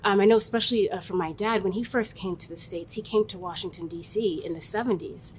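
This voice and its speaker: A woman telling personal stories as an interviewee in a thoughtful, conversational way. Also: fast talker. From Massachusetts, US, West African parents. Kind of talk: reflective personal storytelling. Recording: noticeable background noise, low rumble.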